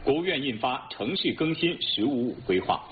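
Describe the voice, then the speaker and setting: A man reading scripted news as an anchor in standard mainland Mandarin, formal, measured and precise. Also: mid-range voice, lively intonation. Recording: tinny narrowband broadcast with faint noise.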